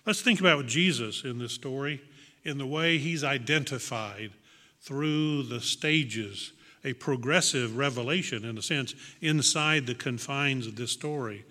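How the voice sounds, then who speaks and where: With a sharp tone, medium pitch and unhurried pace, a man delivers an earnest, reflective sermon to his congregation. Small restarts and emphatic repetition mark his delivery, and the hall's long reverb trails behind him.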